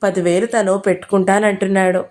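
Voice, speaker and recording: A woman's voice: medium pitch, level tone, a little fast, darkish tone, lightly acted. A woman reading the lines of an insistent older father in an audio novel, in her own plain voice. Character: older father pushing his daughter's court case.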